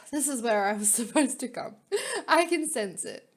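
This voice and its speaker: Woman, slightly high pitch, visual novel read-aloud, dramatic narration, casual wry asides. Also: lively intonation, measured pace. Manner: dramatic reading broken by wry, giggly commentary. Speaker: player reading game story aloud.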